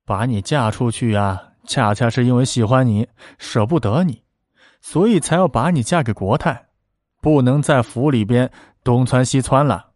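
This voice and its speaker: A stern, calculating imperial minister, voiced by a male storyteller, measured and commanding. The voice stays near an ordinary man's pitch, recorded dry and close. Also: darkish tone, no room sound, natural voice.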